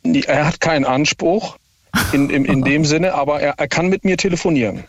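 A man's voice: fairly high pitch, a little fast, dry recording, studio quality. A man calling in to a radio guessing game, hesitant and giving short denials. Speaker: caller.

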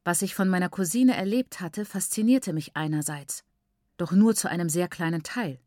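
A woman narrates a literary novel in the first person, her voice on the low side. Her reading is measured and reflective. The recording is close and completely dry. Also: mellow, dry recording. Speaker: audiobook narrator.

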